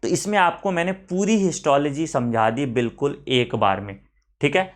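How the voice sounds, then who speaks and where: A man with an Indian accent giving an online biology lecture for exam preparation, switching between Hindi and English terms and often checking in with his students. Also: fairly high pitch. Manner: mixes Hindi with English terms, repeats key phrases, frequent "ठीक है" check-ins; slows right down to spell out technical terms. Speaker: biology teacher.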